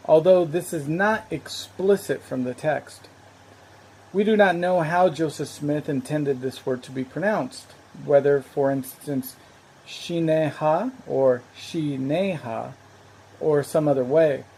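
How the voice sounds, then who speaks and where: Mellow, measured educational narrator. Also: medium pitch, slightly rough, rough recording.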